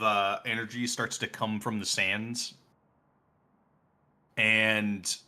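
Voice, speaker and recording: A man narrating a tabletop role-playing game as game master, unhurried and full of fillers. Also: medium pitch, sharp tone.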